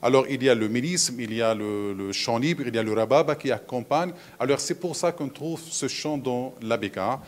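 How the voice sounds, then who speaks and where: A man's voice: mid-range voice, moderate pace, few pauses. A man, a musicologist explaining things at a round table, with frequent hesitations. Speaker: musicologist on a panel. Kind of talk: round-table lecture talk.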